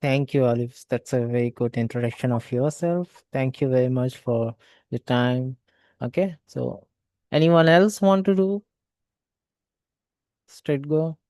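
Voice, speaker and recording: A man's voice: mid-range voice, a little slow, long pauses, darkish tone, no room sound. A man teaching an online class, explaining step by step and often restarting with "okay, so". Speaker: cybersecurity trainer. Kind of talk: online lecture.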